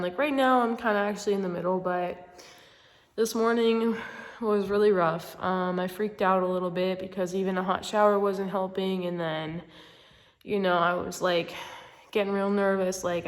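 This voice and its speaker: A young adult woman vlogger chats casually to camera in a mid-range voice with a big-room sound. She is sick with cold-like congestion and a cough, so her voice is stuffy-nosed, and she rambles informally with heavy use of "like".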